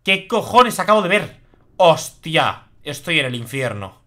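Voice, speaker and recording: A young man from Spain with a Spanish accent talks through a horror game on a live stream, reacting out loud and swearing casually. His pitch swings widely and the tone is bright and tense. His voice sits a little higher than most men's. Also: big pitch swings, unhurried. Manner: chatty, swears freely, reacts aloud. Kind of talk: live gameplay commentary.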